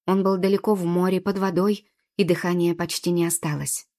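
Woman narrating a storybook, low-pitched. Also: little pitch movement, fairly quick, dark tone. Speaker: audiobook narrator. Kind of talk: expressive storybook reading.

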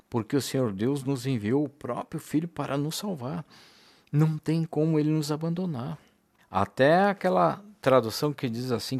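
A man's voice: mid-range voice, creaky, a little mellow, dry recording. A male preacher giving a sermon in a conversational way, speaking directly to the congregation as brothers.

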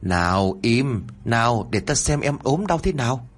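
A man voicing a cruel, lecherous old village chief who bosses people around in a husky voice. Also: medium pitch, lively intonation, unhurried. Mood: wheedling. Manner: bossy, barking orders, then oily and coaxing.

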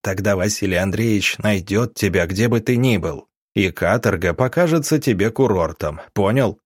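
A man voicing a calm, cunning doctor who speaks in measured, deceptively kind tones. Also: lowish voice, slightly rough, no echo, clean studio sound. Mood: scheming. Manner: calm, measured, turning cold.

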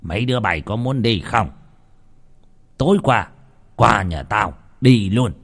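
A man voicing a gruff older village sorcerer who scolds and curses bluntly. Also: lowish voice, lively intonation, a little slow, a bit bright, heavily acted.

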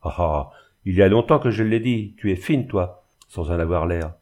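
A man reading aloud, voicing a hot-tempered, scornful eldest son with a loud, blustering delivery. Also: low-pitched, normal speed, natural voice.

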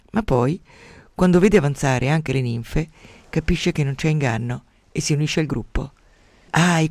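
A man tells an ancient myth on the radio in a dramatic way, stopping now and then for wry asides. His voice sits fairly high, and the studio sound is close and dry. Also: a little mellow, no room sound. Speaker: radio storyteller. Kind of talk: retelling a myth with commentary. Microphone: studio mic.

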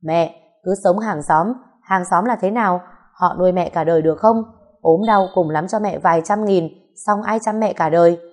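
A woman's voice: on the low side, moderate pace, a little mellow, close to an everyday voice. A woman reading the part of a firm, earnest middle-aged man pressing his mother. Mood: insistent. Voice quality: earnest, persuasive.

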